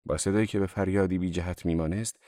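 Male narrator for a literary audiobook, deep voice, steady and measured, dry close mic. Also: dry recording. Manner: calm, even literary narration. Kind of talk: audiobook reading of a novel.

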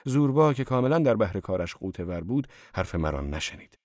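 Low-voiced man narrating an audiobook. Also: no room sound, studio quality. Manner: steady, measured storytelling. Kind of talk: scripted literary narration.

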